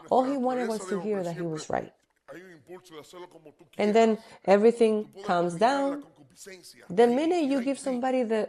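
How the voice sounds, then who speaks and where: A woman's voice: medium pitch, warm tone. A woman delivering a sermon in an emphatic style, repeating her key phrases for weight.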